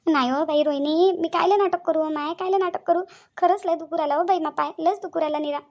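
A woman's voice: high voice, fairly even intonation, rapid-fire. A woman voicing a whiny lazy aunt with a Vidarbha accent. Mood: pleading. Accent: Vidarbha Marathi. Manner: whiny, pleading, dialect-heavy. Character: lazy middle-aged aunt faking leg pain, sly. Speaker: cartoon voice actor. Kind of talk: cartoon dialogue.

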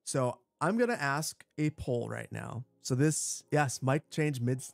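A man with a boomy, bass-heavy sound on a close broadcast microphone, chatting casually and repeating short phrases as he hosts a gaming livestream. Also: unhurried, creaky, no echo. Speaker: livestream host, gamer. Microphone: close broadcast dynamic microphone.

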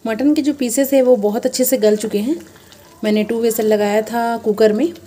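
Her voice is on the high side and mellow, at a normal speed. She hosts a cooking channel, giving a casual demonstration in her home kitchen at the stove, chatting with viewers as friends and walking through every step over the sizzle of frying.

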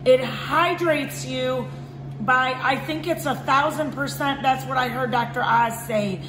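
A woman in her forties, a shop owner, chatting enthusiastically about products at her market stall, filmed on a phone. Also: high voice. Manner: chatty, enthusiastic, keeps saying okay guys. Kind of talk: product demo vlog. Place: indoor market stall with shelves. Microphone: handheld phone camera. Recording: echoey market hall with background noise.

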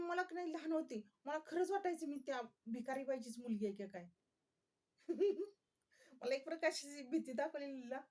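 A woman's voice: high voice, darkish tone. A woman vlogger chatting casually to her viewers, often laughing and asking them questions.

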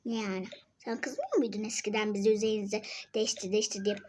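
A girl voicing cheeky five-year-old twin kids in a doll-game role-play, drawn-out and talking back. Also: mid-range voice, darkish tone, close to an everyday voice. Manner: slow, drawn-out, sassy.

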